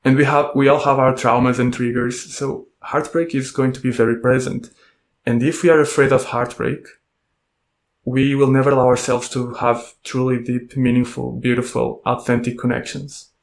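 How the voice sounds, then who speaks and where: A man hosting a self-help podcast, speaking calmly and gently in a reflective monologue full of rhetorical questions. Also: mid-range voice, moderate pace, vocal fry. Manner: calm, gentle, asks many rhetorical questions. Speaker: podcast host and coach.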